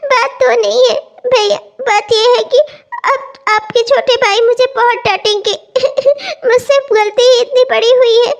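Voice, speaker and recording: A young cartoon housewife who loves festival shopping, voiced by a woman. Her voice sits extremely high and thin, eager when she chatters and pleading when she sobs. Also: steady tone, moderate pace. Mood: tearful. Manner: sobbing, pleading. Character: young cheerful newlywed housewife, festival-loving. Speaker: cartoon voice actor. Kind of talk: cartoon voice acting.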